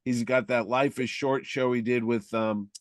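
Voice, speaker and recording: A man's voice: medium pitch, steady tone, moderate pace, dry recording, clean studio sound. Chatty middle-aged man co-hosting. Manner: chatty, rambling, opinionated. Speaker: podcast co-host. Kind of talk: casual film-review chat.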